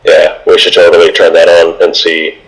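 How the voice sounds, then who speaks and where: A man with a very deep voice talks through his moves in a tabletop game. He deliberates aloud in a casual way, his delivery staying flat and even. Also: rough recording. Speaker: player.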